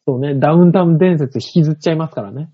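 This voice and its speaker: A man's voice: on the high side, rapid-fire, breathy edge. A man co-hosting a chat show, mostly chiming in with short agreements and dry quips. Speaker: co-host. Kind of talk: casual chat, backchanneling. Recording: dull, dry studio sound.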